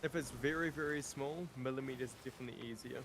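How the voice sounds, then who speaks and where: A man's voice: medium pitch, quick pace, fairly bright tone. Man on a noisy, clicky call mic. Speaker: gaming co-host. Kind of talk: casual gaming chat over a voice call. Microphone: computer mic on an online call.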